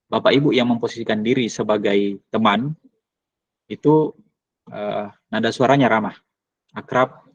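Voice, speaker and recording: A man's voice: mid-range voice, dry recording. Hesitant man lecturing teachers. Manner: hesitant, many fillers. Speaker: teacher trainer. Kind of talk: presentation to teachers. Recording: dull lo-fi recording.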